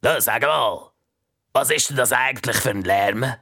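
A man's voice: medium pitch, measured pace, vocal fry, bright, forceful tone, pitched above the performer's own voice, heavily acted. A man voicing a fussy, nagging woman in a prison cell.

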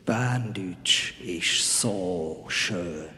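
A man with a Bernese Swiss German accent playing a zealous, scornful male archangel in a live spoken-word stage piece, with slow solemn proclamations that turn into shouted insults. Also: sits low, full character voice. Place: stage in front of a live audience. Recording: live hall with long reverb.

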